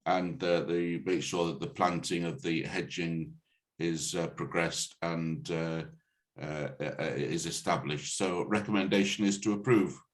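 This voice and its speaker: A man speaking as a planning officer, presenting a formal report on a video call in a halting, hesitant way with repeated false starts. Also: deep voice, steady tone. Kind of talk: formal report and answers at a meeting. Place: online video meeting.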